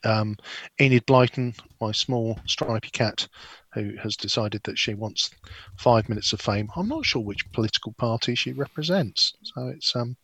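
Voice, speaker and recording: A man's voice: mid-range voice, normal speed, fairly bright tone, husky. An English man co-hosting a politics podcast over an internet call, chatting casually and joking with fillers and restarts. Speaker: podcast co-host. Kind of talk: casual chat. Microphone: video call.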